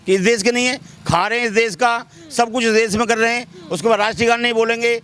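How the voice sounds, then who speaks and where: Street vox pop: man, high voice, insistent, rhetorical, city street outdoors. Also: fairly even intonation, fast, fairly bright tone, smooth. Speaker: shopkeeper interviewed in a street poll. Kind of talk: street interview.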